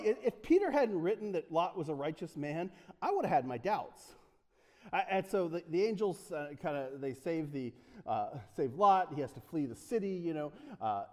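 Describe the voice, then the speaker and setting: A man's voice: a little high, darkish tone, big-room sound. A man from the United States preaching a casual sermon in a church, joking and chatty, with many fillers and restarts. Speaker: pastor.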